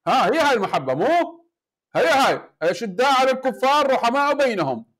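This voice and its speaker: A man's voice: extremely high pitch, sing-song, quick pace, a bit bright. An Iraqi man hosting a heated call-in debate, pressing his guest with repeated rhetorical questions. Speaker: debate show host.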